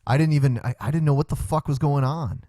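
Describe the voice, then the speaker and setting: A man's voice: fairly high pitch, quick pace, warm tone, dry recording, studio quality. A man co-hosting a podcast in casual, offhand, sweary banter. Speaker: podcast co-host.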